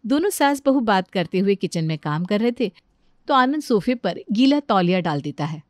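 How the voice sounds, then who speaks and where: A woman's voice: medium pitch, moderate pace, no echo, clean studio sound. Woman narrating a cartoon story. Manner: even, storytelling delivery.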